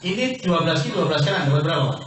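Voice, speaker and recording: With crowd noise around him, a man presents a business opportunity to a meeting-hall audience, talking very fast in an expressive voice on the high side. He keeps saying "Pak," asks the listeners questions, and answers them himself in this persuasive seminar. The sound is very echoey and distant.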